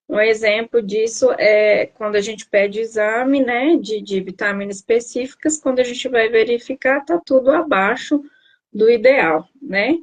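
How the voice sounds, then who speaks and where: A woman nutritionist with a Brazilian Portuguese accent, explaining health advice in a casual live interview, with many tag questions and restarts. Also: mid-range voice. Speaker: nutritionist guest. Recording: video call.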